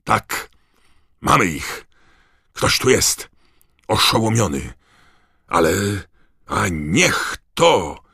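A man's voice: extremely low pitch, expressive, takes it slowly, gravelly, no echo, clean studio sound, full character voice. A man voicing a bold, bearded middle-aged wizard in an audiobook, speaking with confidence. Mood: excited shouting. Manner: confident, then shouting from afar. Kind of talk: audiobook character voice.

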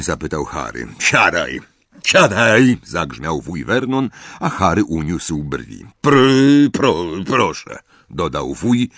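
A man narrating an audiobook in expressive, scripted storytelling. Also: a bass voice, no echo, clean studio sound.

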